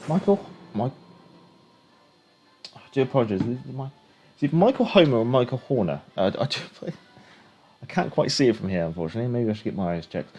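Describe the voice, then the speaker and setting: A man's voice: mid-range voice, animated, a little fast, pauses often, warm tone, soft background music. A man streaming a game, chatting casually and thinking aloud as he gives live commentary.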